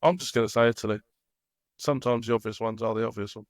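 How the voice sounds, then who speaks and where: A man's voice: medium pitch, fairly even intonation, quick pace, no room sound. A man in casual podcast chat, making dry, teasing remarks. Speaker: podcast co-host.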